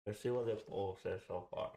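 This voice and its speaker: A man's voice: fairly low pitch, steady tone, brisk, dark tone. Man chatting in an echoey room. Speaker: host of a live pipe tobacco review. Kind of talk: casual livestream chat. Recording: roomy, echoing home recording.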